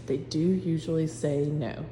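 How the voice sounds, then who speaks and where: A real estate agent with a low, dark voice leads an unhurried, casual tour through an empty new-built house, her intonation fairly even as she chats matter-of-factly about each room. The indoor audio echoes with long reverb and a faint hum.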